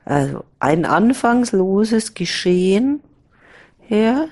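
A woman speaking as a spiritual teacher in a slow, reflective dialogue, pausing often and talking in drawn-out fragments. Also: medium pitch, big pitch swings, darkish tone.

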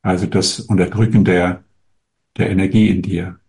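Guy with a lowish voice, spiritual teacher type, calm and musing, lots of ums. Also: normal speed, gravelly. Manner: calm, musing, with many hesitations. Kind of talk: answering viewer questions in a livestream.

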